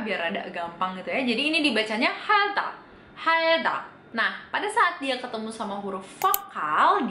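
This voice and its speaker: A woman's voice: on the high side, bright, forceful tone, a little hiss or hum. Chatty woman teaching Korean, echoey room. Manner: chatty, asks the viewer questions and answers them; repeats each Korean word slowly. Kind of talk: casual video lesson on reading Korean.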